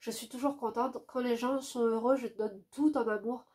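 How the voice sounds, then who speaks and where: A woman with a stuffy, nasal voice from a cold, reading a viewer's letter aloud and dropping to soft asides between passages. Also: fairly even intonation. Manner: drops to a soft, low voice for quick asides.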